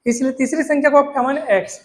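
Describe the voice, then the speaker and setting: A man's voice: extremely high pitch, steady tone, fast. A male maths teacher, explaining a lesson in a coaxing way, repeating points and asking his students questions. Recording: echoey room.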